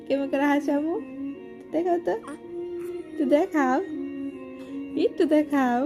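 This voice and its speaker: Woman, mother's baby talk, slightly high voice, coaxing, clear music behind. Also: steady tone, moderate pace. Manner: coaxing, sing-song, repetitive.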